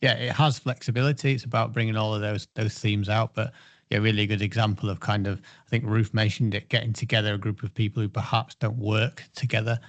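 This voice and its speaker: A man's voice: fairly low pitch, flat delivery, fairly quick, no room sound. A man chatting in an online meeting, agreeable and loose with lots of fillers. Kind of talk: casual online meeting chat. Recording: dull, dry online call audio.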